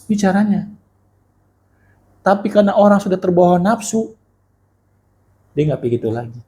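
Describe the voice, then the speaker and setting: Animated, mellow-voiced male preacher. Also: sits high, moderate pace. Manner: animated, keeps quizzing the audience; colloquial, slangy. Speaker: Islamic teacher. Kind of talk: casual sermon to young people.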